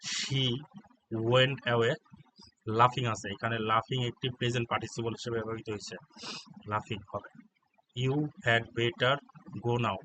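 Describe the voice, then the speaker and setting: A man with a Bangladeshi Bengali accent, working as an exam prep tutor and reading out exam answers in a monotone, dictating spellings letter by letter. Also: medium pitch, a little hiss or hum, rough recording.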